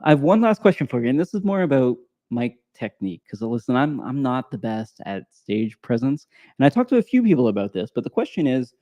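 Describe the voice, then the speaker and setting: Man co-host, mellow tone, slight lisp, rambling self-deprecating chat, dry dull mic. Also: medium pitch, dry recording. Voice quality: slight whistle on sibilants, sounds like a lisp. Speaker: podcast co-host. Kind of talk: casual chat. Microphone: desk microphone.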